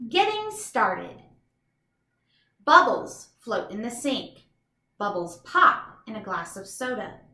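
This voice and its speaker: In an echoey room, a woman reads a children's book aloud with bright, high-pitched enthusiasm. Her teacherly style speaks straight to young listeners, mixing the story with friendly explanations.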